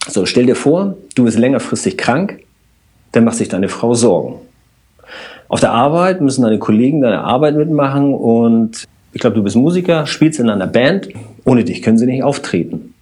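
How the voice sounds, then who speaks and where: A man, a systemic coach and podcast guest, explaining his work calmly with everyday examples. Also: mid-range voice, husky. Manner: explains with everyday examples, addresses host directly. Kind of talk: calm explanatory conversation.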